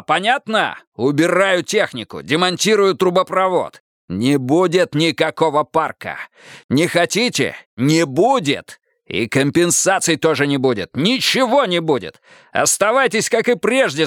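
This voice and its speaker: A man's voice: a little high, very animated, normal speed, dry recording, studio quality, pitched above the performer's own voice. A man voicing a hectoring, pompous mayor. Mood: furious. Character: pompous male mayor, exasperated and shouting.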